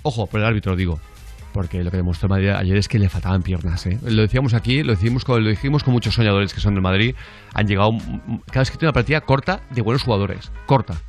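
A man's voice: fairly low pitch, fast, soft background music. A man hosting a morning radio show, bantering and joking with co-hosts and often mimicking voices.

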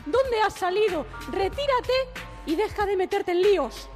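Woman playing a sharp-tongued rap champion. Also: extremely high pitch, animated, measured pace, over music. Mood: mocking. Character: cutting rap-battle champion, quick with comebacks. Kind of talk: comic radio sketch.

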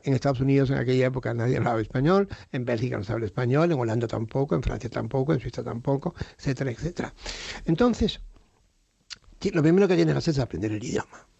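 A man's voice: mid-range voice, vocal fry, dark tone, breathy edge, dry recording, lo-fi sound. An older Spanish-speaking man telling stories frankly in a radio interview, with salty words and many restarts. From Spain. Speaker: radio guest.

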